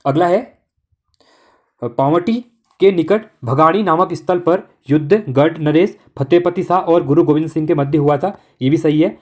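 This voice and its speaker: This Uttarakhand man's voice runs on the high side with a darkish tone. He teaches exam prep online, moving briskly through multiple-choice answers like a coach and checking in with "okay" again and again.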